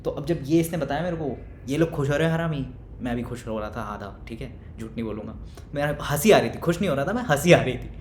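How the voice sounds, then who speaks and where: A young man casually telling a storytime, animated and acting out his friends' lines, then dropping to low mutters. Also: fast talker. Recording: echoey room with faint rumble.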